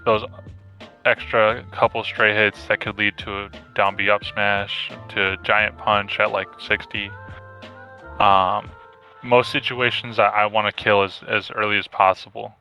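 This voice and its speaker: A man's voice: fairly low pitch, level tone, a little slow, bright, forceful tone, faint music behind. A man on a voice chat that briefly cuts out, talking hesitantly with many fillers and restarts as the player being coached. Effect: voice chat audio that briefly cuts out.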